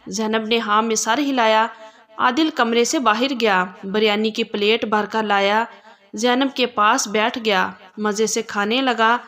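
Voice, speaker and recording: A woman narrating a scripted romantic family story, in a calm, even storytelling manner. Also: a little high.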